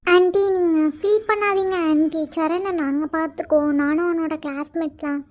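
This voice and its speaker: Squeaky chatty cartoon college girls. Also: fairly even intonation, moderate pace, a little mellow, no echo. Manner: chatty, teasing. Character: chatty teenage college girl friends. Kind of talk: cartoon voice acting.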